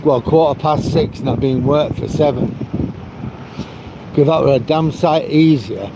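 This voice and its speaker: A man's voice: on the high side, unhurried. A retired older man from Manchester with a Northern English accent, chatting casually and rambling as he repeats himself. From Manchester, England. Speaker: retired local resident. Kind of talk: casual chat. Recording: loud wind and outdoor noise.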